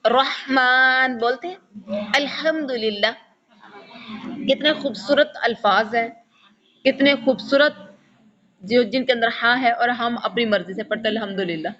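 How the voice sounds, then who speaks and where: A woman with a fairly high voice teaches Quran pronunciation, sounding out each letter slowly and repeating it for her pupils. She checks whether they follow as she goes. The recording is dull and lo-fi. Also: crowd noise. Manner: patient, instructive, asks pupils questions. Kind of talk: tajweed pronunciation lesson.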